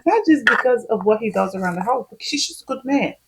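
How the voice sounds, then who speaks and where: A woman's voice: a little high, fast talker, background noise. A woman, chatting casually at home while doing her makeup, laughing often as she explains each step. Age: 30s. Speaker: vlogger.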